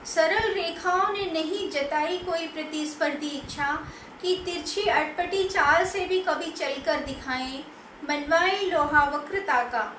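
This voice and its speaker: A high-voiced woman poet reads her verse slowly and with care. She sits away from the mic, so her voice rings in an echoey room with faint noise underneath. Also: a bit bright, distant mic. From Madhya Pradesh, India. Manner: slow, measured reading. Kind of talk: poetry recitation.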